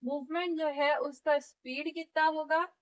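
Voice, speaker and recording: A woman with a fairly high voice teaches physiotherapy the way she would in a classroom. She explains each point patiently, one step at a time, and keeps checking in with her students. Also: steady tone, measured pace, highs cut off. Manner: demonstrates movements while teaching. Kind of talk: classroom lecture.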